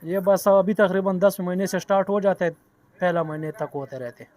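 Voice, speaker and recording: A man with a Pakistani accent answers from his market stall in short, blunt bursts. His voice runs high. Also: a little fast, a little mellow. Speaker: secondhand shoe seller. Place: outdoor street market.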